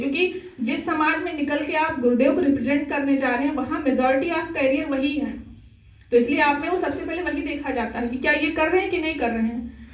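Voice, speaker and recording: High-voiced woman preaching in an echoey hall. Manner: earnest, exhorting, conversational. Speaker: spiritual speaker. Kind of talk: Sunday talk to a gathering. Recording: echoey hall, mic at a distance.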